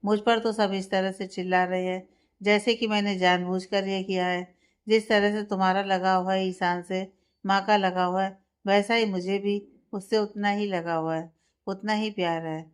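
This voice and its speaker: A woman voicing a proud young wife who answers back defiantly, in a smooth, clear voice. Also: mid-range voice, little pitch movement, moderate pace, lightly acted. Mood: indignant. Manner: defiant, indignant.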